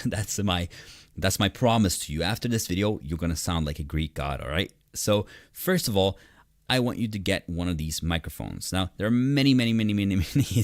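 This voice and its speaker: Deep, dry close-miked man teaching casually. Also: no echo. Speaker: online course instructor. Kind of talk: casual tutorial narration. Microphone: close USB desktop microphone.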